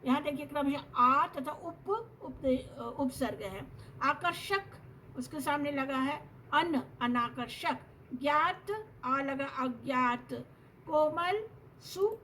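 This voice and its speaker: High-voiced woman teacher explaining grammar. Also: fairly bright tone, a little hiss or hum, low-quality recording. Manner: patient, checks in with students often.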